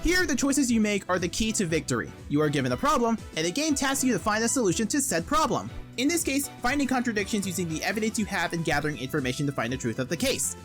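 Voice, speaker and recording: Over light background music, a fast-talking, animated video essayist reads scripted comedy narration in a mid-range voice. The delivery is wry and irreverent throughout.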